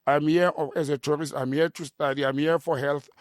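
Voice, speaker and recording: A South African man talking politics on a talk show, emphatic and animated, often repeating words as he starts a point. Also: on the high side, a little fast, dry recording, clean studio sound. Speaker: political commentator.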